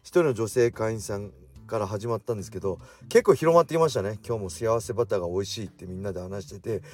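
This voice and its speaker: A man in his forties hosting a casual solo radio talk, drifting faster as he goes and correcting himself mid-phrase. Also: lowish voice, a little mellow, faint music behind. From Japan. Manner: speeds up as he talks, with self-corrections. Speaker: radio show host.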